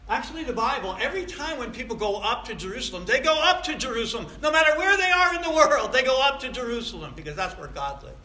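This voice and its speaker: This sermon comes from a man in his sixties with a very high, bright, forceful voice. He keeps it folksy and conversational, asking rhetorical questions and repeating phrases to drive points home, in an echoey space with faint background noise.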